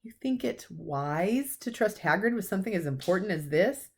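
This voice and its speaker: A woman's voice: medium pitch, expressive, normal speed, husky. A woman voicing a stern, proper older witch professor who is anxious and doubting, in a storybook reading. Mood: doubting, grudging.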